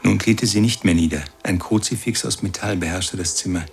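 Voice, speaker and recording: An actor in a radio play narrating as a grown son who recalls his childhood in slow, brooding words and keeps turning to address his mother. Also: low-pitched, vocal fry. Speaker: first-person narrator.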